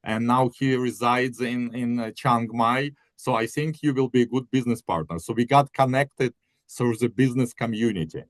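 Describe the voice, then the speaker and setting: A man's voice: mid-range voice, moderate pace, dry recording. Man from Ukraine, dry close sound. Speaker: podcast guest, company CEO. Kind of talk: casual interview chat.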